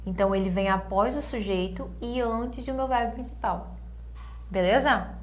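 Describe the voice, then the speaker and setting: Her voice leans high as she runs an online English class, drilling students by slowly repeating words. She's a young woman whose accent is Brazilian Portuguese.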